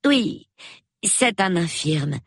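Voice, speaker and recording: A woman reading an audiobook gives voice to a spirited young woman who talks directly. Her speech rises and falls widely. It has a husky edge and a dry, close sound. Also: on the low side, animated, very slow, no echo, voice pushed up, full character voice.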